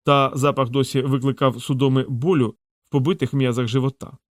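A male audiobook narrator with a mid-range voice, reading in a steady, measured way. The sound is close and dry, with no room around it. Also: medium pitch, no room sound. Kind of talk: scripted narration.

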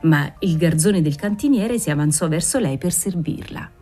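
Woman audiobook narrator, low mellow voice, measured pacing, faint music bed. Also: expressive. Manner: measured, descriptive reading. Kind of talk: scripted narration.

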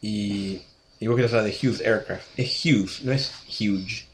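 A man's voice: fairly low pitch, steady tone, normal speed, slight background noise. A man in his sixties with an Argentine accent, a radio guest telling stories in a chatty way, full of restarts and asides. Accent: Argentine Spanish. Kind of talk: casual storytelling interview.

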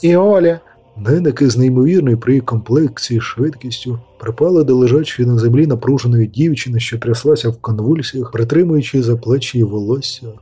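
A man narrating a fantasy audiobook in a steady storytelling manner, lightly voicing the characters. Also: medium pitch, brisk, hardly any pauses, slightly rough. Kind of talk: scripted narration.

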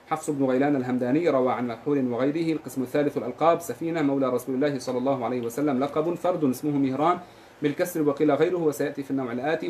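رجل يقرأ نصًا تراثيًا في درس بسرعة، ويضبط الحروف والحركات كلمةً كلمة. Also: male voice, mid-range voice, a little mellow, a little hiss or hum. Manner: reads quickly, spells out vowels and letters. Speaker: reader of the text in a lesson. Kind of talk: rapid recitation of a classical text.

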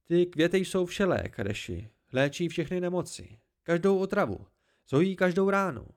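A man voicing Bast, a volatile young fae man who pleads and shouts in high, excitable outbursts, in an amateur audiobook. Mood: agitated.

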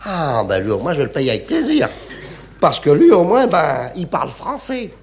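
A man's voice: a little high, huge pitch swings, normal speed. A man performing a comic stage monologue, in an indignant, exclaiming, mock-stubborn manner. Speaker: comedian.

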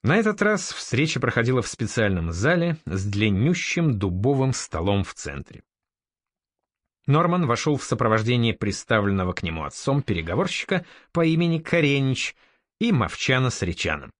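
A man reading a historical novel aloud as its narrator, measured and steady. His pitch moves in lively, expressive arcs. The voice sounds dry, with no room around it. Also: no echo. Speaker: audiobook narrator. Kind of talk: scripted narration.

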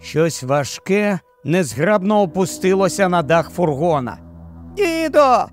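A man narrating a horror audiobook in a dramatic, tense storytelling manner. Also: on the high side. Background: faint music.

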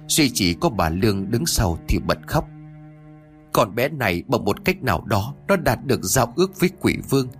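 Male storyteller, dramatic read, lively pitch, soft music under. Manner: expressive, dramatic reading. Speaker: narrator. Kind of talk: audio story narration.

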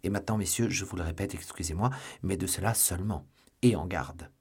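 Brief: man reading eager young duelist, courteous but bold, husky low voice, audiobook. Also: brisk, darkish tone. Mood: proud, resolute.

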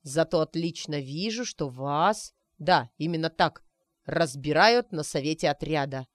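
A man's voice: on the high side, measured pace, no room sound, studio quality, natural voice. A woman voicing a cocky young man who teases a friend by pretending to be a wizard, in a playful, mock-mystical way.

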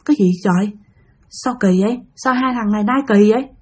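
A woman voicing an anxious older village wife in a spoken ghost story, with a hushed, fretful manner. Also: mid-range voice, fairly quick, husky, close to an everyday voice. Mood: uneasy.

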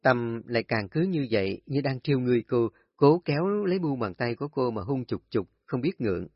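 A man narrating a story in an expressive way. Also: medium pitch, fairly quick, no echo. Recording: dry, dull lo-fi recording.

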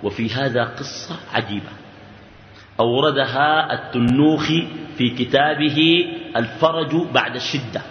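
A man with a Sudanese Arabic accent giving a colloquial sermon, moving between slow emphatic lines and quick asides. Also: medium pitch. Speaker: sheikh giving a religious lesson. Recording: echoey hall, dull lo-fi sound.

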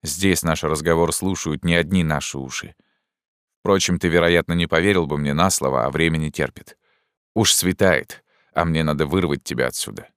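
A man voicing a noble captive man who speaks quietly with sorrow and resignation. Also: extremely low pitch, normal speed, clear, resonant tone, no echo, clean studio sound. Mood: urgent.

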